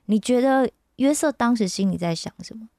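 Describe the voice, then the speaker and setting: A woman telling a Bible story for young listeners on the radio, animated and constantly asking her audience questions. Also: on the high side, a little fast, no room sound, clean studio sound. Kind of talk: lively Bible storytelling for youth.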